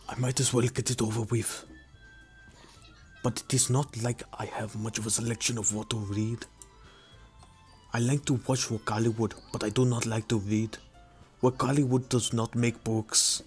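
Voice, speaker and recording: A man's voice: mid-range voice, fairly even intonation, measured pace, long pauses, husky, faint music behind. A young man reading a grumpy, stubborn teenage girl from a visual novel in a clipped, stiff way.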